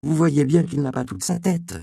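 A nervous young apprentice in an audiobook, his voice pitched up high and tight with worry, as a male narrator plays him. His questions come quick and pleading, recorded dry and close. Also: vocal fry, mellow, no room sound. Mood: anxious.

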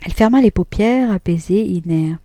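A woman reading a classic novel aloud, measured and subdued in the narration. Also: mid-range voice, dark tone, no echo.

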